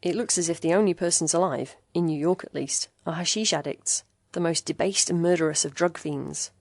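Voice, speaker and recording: A woman's voice: fairly low pitch, brisk, darkish tone, no echo, clean studio sound. A woman voicing a horrified middle-aged male doctor in an audiobook, speaking in agitated, breathless exclamations. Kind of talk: audiobook character voice.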